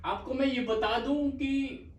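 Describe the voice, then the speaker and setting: Male shorthand tutor, patient and slow, in an echoey room. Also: extremely high pitch, fairly even intonation. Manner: patient, repeats words slowly for dictation. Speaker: shorthand teacher. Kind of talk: slow explanatory lecture. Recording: echoey room, mic far off.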